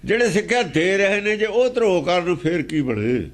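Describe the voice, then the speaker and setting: A man's voice: sits high, expressive, moderate pace. A man with a Punjabi accent explaining scripture, repeating key phrases and asking rhetorical questions. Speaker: religious teacher. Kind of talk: scripture exposition talk.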